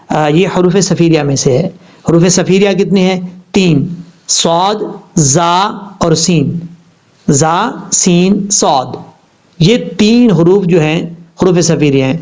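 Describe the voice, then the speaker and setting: A man with a Pakistani Urdu accent and a slightly high voice teaches Quran recitation. He explains each rule step by step, then recites the example words slowly and drawn out. The recording sounds dull and lo-fi. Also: a little mellow. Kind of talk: tajweed lesson.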